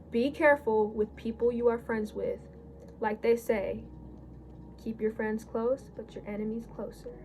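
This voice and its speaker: A teenage girl in a casual get-ready-with-me chat, rambling and correcting herself as she goes, her voice a little hoarse, recorded on a phone. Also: fairly high pitch, darkish tone, a little hiss or hum, poor audio. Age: late teens. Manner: rambling, chatty, self-correcting. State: slightly hoarse. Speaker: beauty vlogger. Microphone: phone camera.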